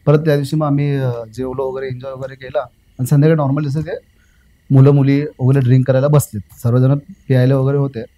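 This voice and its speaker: Rambling young man, mellow voice. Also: mid-range voice, little pitch movement, rough recording. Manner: rambling, repeats phrases, fills pauses with "uh", addresses the host as sir. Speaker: guest recounting a personal experience. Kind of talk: casual spoken storytelling.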